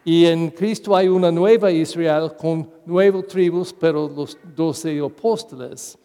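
A parish priest giving a Sunday homily in Spanish as a second language, with an English accent, halting and putting questions to the congregation. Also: male voice, fairly high pitch, warm tone, big-room sound. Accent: English-speaking. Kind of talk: sermon.

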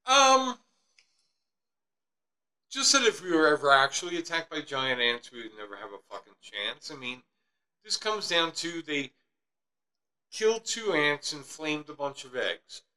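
A man's voice: a little high, very animated, a little slow, long pauses, sharp tone. A man chatting casually as a podcast co-host, with a laid-back stoner manner and short replies. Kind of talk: casual chat.

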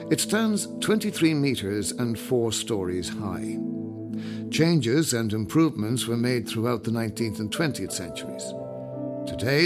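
A man reading scripted documentary narration as the narrator of an audio guide. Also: mid-range voice.

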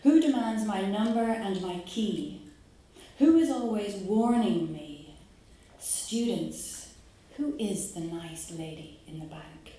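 A Dublin poet, animated and dark-toned in a mid-range voice, muses over her poems with hesitant fillers before reading them at a live event. The space she's in is very echoey.

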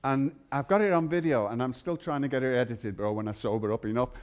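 A man's voice: mid-range voice, fast talker. A man preaching in an exuberant, erratic charismatic style, with joking asides. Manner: exuberant, erratic, interjecting nonsense exclamations and chuckling; swings from quiet speech to shouting. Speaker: guest preacher, pastor.

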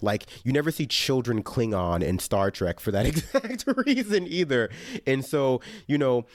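A young man hosting a casual podcast chat, talking loosely with lots of fillers and bursting into animated, laughing asides. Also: mid-range voice, normal speed, dry recording. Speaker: podcast host.

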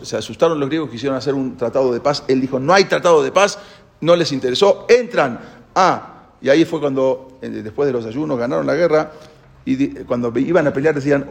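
A man giving a religious history lesson, telling the story in an animated way with frequent stumbles and restarts. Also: mid-range voice, creaky. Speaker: religious teacher.

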